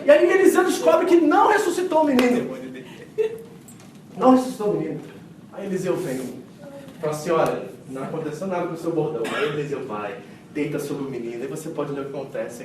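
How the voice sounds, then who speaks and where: A man preaching a sermon as pastor, telling the story with lively acted-out quotes and swings between loud and hushed. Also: fairly high pitch, background noise. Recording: echoey hall miked from a distance.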